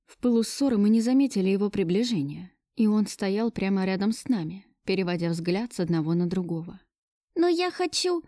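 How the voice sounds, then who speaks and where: A woman's voice: medium pitch, brisk, few pauses, dark tone, no room sound, clean studio sound. A woman narrating a romance novel in the first person, with dramatic, emotional storytelling. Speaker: audiobook narrator.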